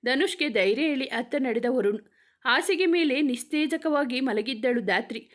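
A woman's voice: sits high, lively intonation, moderate pace. A woman reading a romantic story aloud, narrating and speaking every character in much the same voice.

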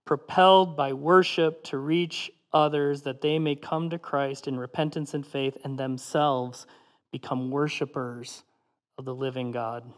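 A man preaching a sermon as pastor, measured and earnest, slowing on key phrases and letting line ends fall away softly. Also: mid-range voice, steady tone, big-room sound. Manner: closes with a prayer.

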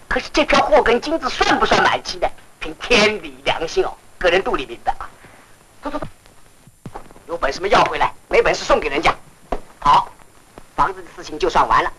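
An actor playing a coarse-spoken, defiant street vendor who talks indignantly, in 1940s film acting. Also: male voice, high-pitched. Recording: hissy noisy old film soundtrack.

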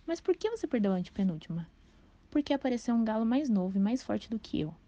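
A woman voicing a nervous, stammering male fighting rooster in a storybook reading, louder and tense. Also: on the high side, sing-song, fast. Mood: terse. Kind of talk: audiobook character voice. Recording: dull, dry lo-fi recording.

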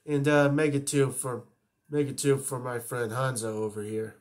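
A man voicing a laid-back male cowboy from a video game with a slow drawl. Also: mid-range voice, flat delivery, close to an everyday voice.

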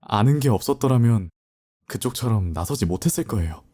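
A man acting in an amateur audio drama voices a self-assured young law student, cool and assertive against thugs before speaking politely and gently. He speaks fairly low and fairly quickly, with an expressive, gentle mood.

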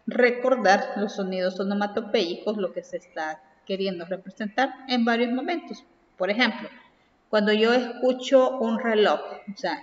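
A woman teacher giving a recorded class lesson, explaining slowly and reading examples aloud. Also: on the high side. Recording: far off, roomy echo, dull sound.

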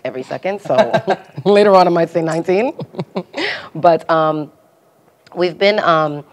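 A young adult woman from Congo, a salon founder, chatting in an interview on a studio couch, with lots of ums and laughs. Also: deep voice. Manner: chatty, many "um"s and "you know"s, laughs easily. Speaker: salon founder, hair stylist. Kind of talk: casual interview answers. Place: studio set with red walls and leather sofa.

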